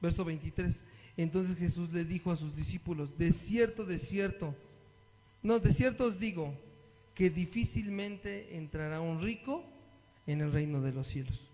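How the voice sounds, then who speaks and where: A man's voice: high-pitched, a little slow, mellow. A man preaching a sermon, reading scripture aloud and asking his listeners questions. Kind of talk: sermon Bible study. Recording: long echo of a hall.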